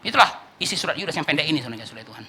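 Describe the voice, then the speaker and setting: A man, a pastor, preaching a sermon. He asks rhetorical questions and moves between loud, emphatic peaks and quiet asides. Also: fairly high pitch, expressive, rapid-fire, husky. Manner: preaching with rhetorical questions, acting out people he quotes.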